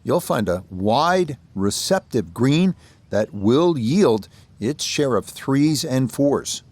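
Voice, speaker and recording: A man doing measured television-style golf commentary for a video game, with outdoor crowd ambience behind him. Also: mid-range voice, expressive, a little mellow.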